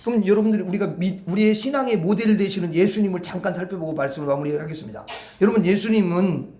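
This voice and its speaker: A man preaching a sermon with a high-pitched voice. He talks conversationally and keeps turning to the congregation for agreement. The sound echoes around a church sanctuary. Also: quick pace, dark tone. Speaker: pastor.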